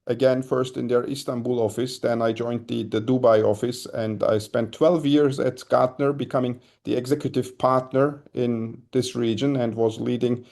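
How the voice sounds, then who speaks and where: A man, speaking as a podcast guest in a measured way with frequent ums. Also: mid-range voice, fairly even intonation, vocal fry, a little mellow. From Germany. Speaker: guest, company co-founder. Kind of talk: podcast interview.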